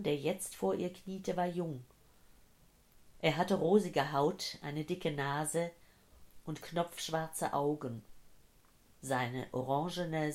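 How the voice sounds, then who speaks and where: A woman reading a tense thriller as an audiobook narrator, measured and steady. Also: low voice. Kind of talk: scripted narration.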